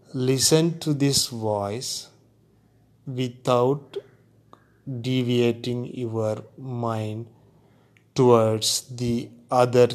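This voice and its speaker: A man with a calm voice guiding a relaxation exercise in an unhurried, deliberate way, leaving long pauses between short phrases. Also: medium pitch. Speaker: guided meditation instructor. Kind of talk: guided relaxation narration.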